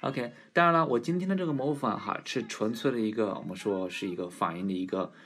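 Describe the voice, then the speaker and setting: A man teaching English pronunciation in a casual lesson, stretching model words slowly and clearly. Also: on the low side, fairly bright tone. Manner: slow drawn-out model words.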